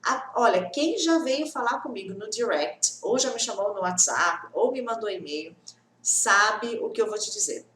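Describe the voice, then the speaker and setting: A woman's voice: mid-range voice, animated, fairly bright tone, roomy sound. A woman from Brazil teaching English in a casual online lesson, chatty and reassuring, often asking "tudo bem?". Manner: chatty, repeats reassuring tag questions; acts out students' complaints in quick bursts.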